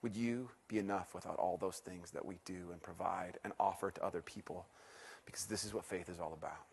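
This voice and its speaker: A middle-aged teaching pastor preaches to his congregation in a low, gravelly voice with a breathy edge, talking fairly quickly. The sermon is conversational and self-deprecating, shifting between loud excitement and hushed intensity.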